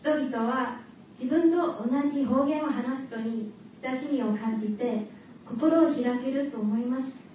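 A woman with a high voice gives a prepared contest speech in a non-native Japanese, clear and measured. She is recorded from a distance in a large, very echoey hall. Faint room ambience sits underneath. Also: mellow, slight background noise. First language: not Japanese. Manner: clear, measured delivery to an audience.

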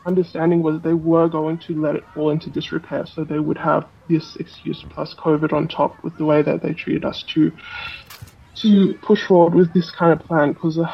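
Anonymous interviewee with a disguised voice; hesitant delivery, husky and dull-sounding. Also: medium pitch, level tone, moderate pace. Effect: electronically disguised voice. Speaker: anonymous public housing tenant. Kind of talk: interview clip in a news report.

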